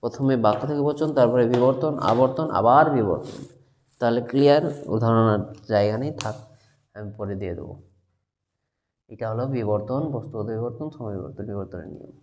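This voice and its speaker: A male teacher giving a lecture, dictating slowly, repeating key points and often checking whether students have understood. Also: mid-range voice, darkish tone, slight background noise. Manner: repeats key points, keeps asking if it is clear; dictates slowly for note-taking. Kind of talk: classroom lecture on logic.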